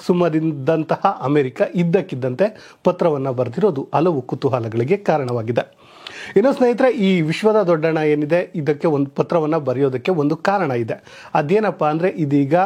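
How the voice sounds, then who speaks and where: A man's voice: on the high side, warm tone, slightly rough. A man presenting a news commentary segment, calling out to viewers as friends with rising, emphatic bursts.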